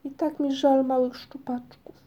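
A woman's voice: high voice, level tone, measured pace, muffled recording, pitched above the performer's own voice. A woman voicing a small, dreamy girl creature in a storybook, with a plaintive, sighing manner.

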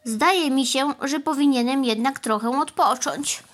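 A woman's voice: sits high, pitched above the performer's own voice. A woman voicing a fussy, greedy male crow who squawks "kra" in a children's storybook reading. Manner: squawks "kra", brisk quick retorts.

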